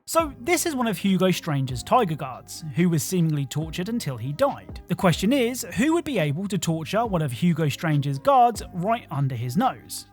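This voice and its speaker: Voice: mid-range voice, very animated, moderate pace, hardly any pauses, a little mellow, faint music behind. A host narrating a scripted video game countdown with wry, joking asides.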